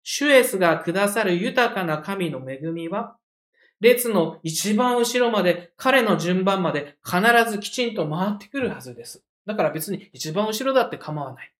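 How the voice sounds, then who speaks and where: A preacher delivering a measured sermon, explaining a passage with occasional conversational asides. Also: mid-range voice, animated.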